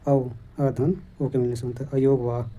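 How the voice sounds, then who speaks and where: A male teacher giving an exam-prep grammar lesson, listing terms in a steady, dictation-like way. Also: mid-range voice, moderate pace.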